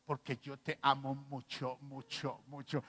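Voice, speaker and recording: A man doing a gushing, slow, low-voiced friend. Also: completely flat delivery, fairly bright tone, long reverb tail. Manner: slow, drawn-out, repeating itself tenderly. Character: doting adult male friend, gushing with slow affection.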